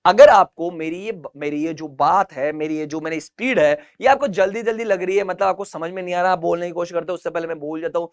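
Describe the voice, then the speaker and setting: Teacher drilling slow example sentences. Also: male voice, high voice, clean tone. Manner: switches between Hindi and English, coaxing questions. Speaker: English teacher. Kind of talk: online grammar lesson.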